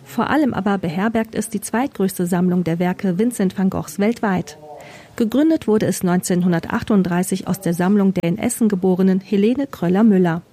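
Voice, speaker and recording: A woman reporter reading a scripted radio feature in a measured, informative way. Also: mid-range voice, mellow.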